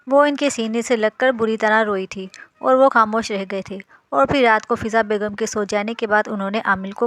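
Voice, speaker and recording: A woman's voice: a little high, a bit bright, no echo. A woman reading a romance novel aloud in a dramatic storytelling style, voicing the characters herself. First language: Urdu. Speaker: novel narrator.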